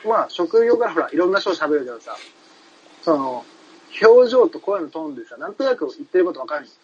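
A man's voice: a little high, sing-song, fast talker, a little mellow, husky. A man telling a travel story in casual chat, rambling with many fillers and restarts. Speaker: podcast host recounting a trip. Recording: dull lo-fi sound.

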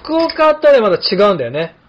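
A man's voice: high-pitched, racing, slight background noise. A man in his late fifties from Kumamoto, hosting a casual chat and telling stories with many fillers. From Kumamoto, Japan. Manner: relaxed storytelling with many fillers. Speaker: podcast host, barber. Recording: slightly dull lo-fi audio.

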